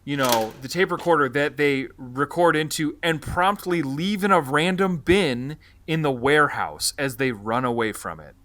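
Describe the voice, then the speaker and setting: A man's voice: fairly high pitch, expressive, normal speed, hardly any pauses, fairly bright tone. A man co-hosting a film review show, chatting casually with emphatic, comic commentary and some swearing. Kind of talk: casual comic movie recap chat.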